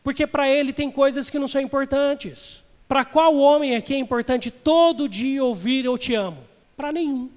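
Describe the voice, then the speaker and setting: A man's voice: very high-pitched, normal speed. A man preaching a sermon as a pastor, chatting with his congregation and asking them questions. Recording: long hall reverb.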